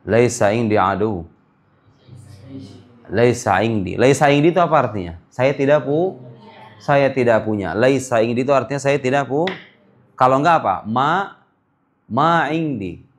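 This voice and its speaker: A man teaching a language class, repeating phrases slowly for students to copy and dropping playful asides. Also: medium pitch, lively intonation. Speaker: Arabic teacher.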